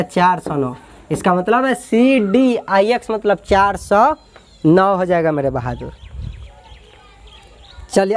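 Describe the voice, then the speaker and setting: A male math teacher from Bihar, taking students through exam questions step by step and cheering them on as his brave lions. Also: extremely high pitch. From Bihar, India. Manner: addresses students as "my brave ones, my lions", drills and asks back. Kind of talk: exam-prep math lesson.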